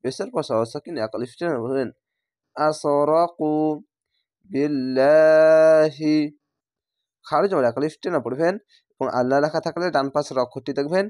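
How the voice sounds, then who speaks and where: A man with a Bangladeshi Bengali accent teaches Quran reading in a slightly high voice. He stretches each word out slowly, then explains the rule in plain speech. The sound is close and dry, with no room echo. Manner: slow drawn-out recitation of words between explanations. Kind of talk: spelled-out Quran reading lesson.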